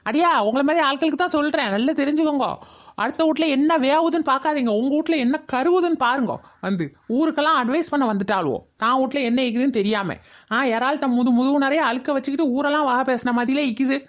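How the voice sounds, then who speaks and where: Woman voicing a fast sarcastic scold. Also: high voice, lightly acted. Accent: Kayalpattinam Tamil. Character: sharp-tongued scolding older woman. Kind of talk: cartoon voice acting.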